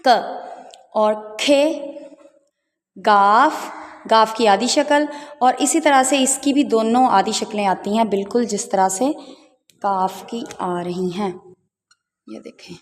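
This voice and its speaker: A woman teaching the Urdu alphabet, calmly naming each letter and its half forms one at a time. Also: on the high side, slow, long pauses, in a large hall. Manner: patient, spells out letters one by one. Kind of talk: slow teaching walkthrough of letters.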